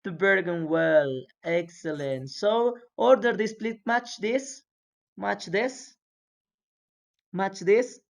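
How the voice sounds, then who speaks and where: A woman's voice: mid-range voice, drawn-out words, vocal fry. A woman whose first language is Spanish, teaching a language class, patiently repeating words for her students to echo. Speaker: English teacher.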